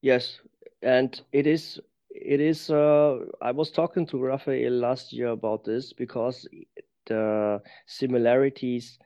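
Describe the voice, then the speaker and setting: A man who is not a native English speaker, talking reflectively as an interview guest in careful, halting English, searching for words. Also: mid-range voice, fairly even intonation, warm tone. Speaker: interview guest, professional dancer. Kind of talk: reflective conversation. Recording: dull lo-fi sound.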